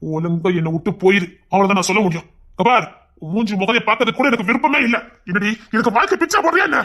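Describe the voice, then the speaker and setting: A man's voice: high-pitched, rapid-fire, bright, forceful tone. An actor playing a hot-tempered young husband who scolds his wife harshly, in a serial-style drama. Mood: angry.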